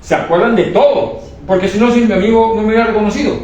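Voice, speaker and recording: A man's voice: high voice, fast, a little mellow. Fervent man testifying in an echoey room. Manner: fervent, repetitive, stumbling restarts. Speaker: testimony speaker. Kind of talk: emotional religious testimony. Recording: echoey room, distant mic, faint noise.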